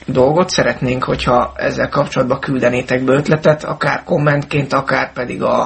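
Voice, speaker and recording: A man's voice: flat delivery, vocal fry, slightly rough. A man co-hosting an amateur talk radio show, speaking in a dry, wry manner. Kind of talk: casual talk radio chat. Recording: low-bitrate mono mp3 with faint hiss.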